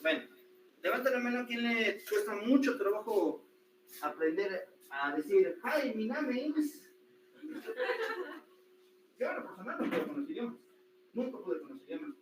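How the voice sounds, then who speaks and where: A man teaching anatomy to a class, lively and full of rhetorical questions to his students. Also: sits high, moderate pace. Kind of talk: classroom lecture. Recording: echoey room, distant mic, noisy.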